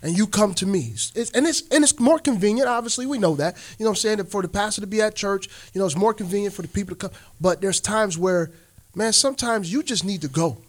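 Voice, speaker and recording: A man's voice: sits high, fast. A man speaking emphatically and informally in a casual discussion, in the familiar way of talking to friends.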